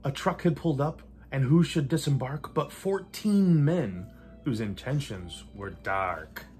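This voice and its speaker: An older man reads a rhymed picture book aloud in a living room, with measured, theatrical delivery and playful emphasis. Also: medium pitch, expressive, a little mellow, faint music behind. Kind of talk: rhymed storybook read-aloud. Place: indoors in a home living room. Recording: light room noise.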